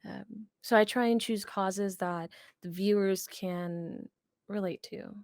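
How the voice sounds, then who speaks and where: An earnest woman streamer talks through her answers in a casual, heartfelt way. Her mid-pitched voice carries a gravelly edge. The sound is dry and close. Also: steady tone, slow pace, no room sound. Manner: earnest, many fillers and restarts, warm emphasis. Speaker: streamer and charity fundraiser.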